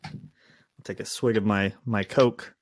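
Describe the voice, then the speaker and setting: A man's voice: fairly low pitch, fairly even intonation, a little slow, a little hiss or hum. Young man, teasing casual podcast banter. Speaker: podcast co-host. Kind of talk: casual chat.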